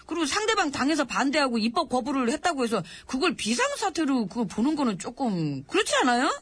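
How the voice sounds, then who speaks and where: A woman playing a meek court servant who placates the king in a satirical comedy sketch, deferential but gently teasing. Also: high-pitched, sing-song, quick pace, husky, no echo, heavily acted. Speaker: podcast comedy co-host.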